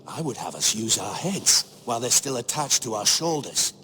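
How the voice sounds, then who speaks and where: A male actor with a mid-range voice voices a grave, loyal, prudent older castle steward in a fantasy game drama, sounding cautious and firm. His measured, earnest, formal delivery has big pitch swings and a bright, forceful tone, over a little hiss or hum.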